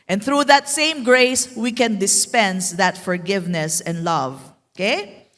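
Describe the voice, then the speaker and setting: A woman pastor with a Filipino accent preaching, mixing English and Tagalog with playful asides and slow, drawn-out emphasis. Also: medium pitch, fairly bright tone. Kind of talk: sermon. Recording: echoey hall.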